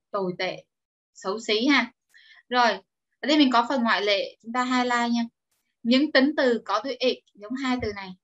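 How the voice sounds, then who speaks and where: A woman's voice: on the high side, a bit bright, highs cut off. A woman teaching an online English grammar class, explaining step by step and encouraging her students. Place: home or office, online class.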